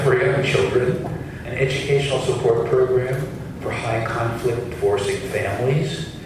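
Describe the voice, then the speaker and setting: A man's voice: mid-range voice, a little mellow, very echoey, recorded from a distance, slight background noise, rough recording. A man whose voice sounds like a speakerphone, reading a guest introduction to an audience and correcting his slips. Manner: halting, corrects himself. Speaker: event host. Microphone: room mic addressing an audience.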